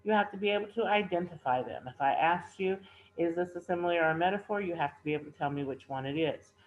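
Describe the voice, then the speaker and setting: Woman teacher, recorded workbook lesson, patient, repeats key terms, fairly low voice, dull lo-fi sound. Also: fast. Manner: reads poem aloud with stressed line endings.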